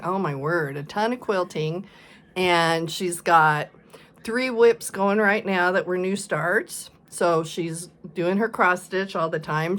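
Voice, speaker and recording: Vlog host, woman, lowish voice, unhurried casual show-and-tell delivery with ums. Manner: slow, chatty, many ums and pauses. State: coughing and sneezing now and then. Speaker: flosstube vlogger.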